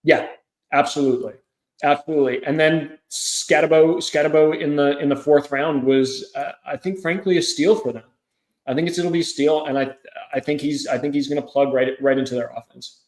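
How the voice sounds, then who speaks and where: A man co-hosting a sports podcast, giving his views in a measured way that is full of fillers and restarts. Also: a little high, steady tone, darkish tone. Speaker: podcast co-host. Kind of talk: casual sports chat. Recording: echoey room.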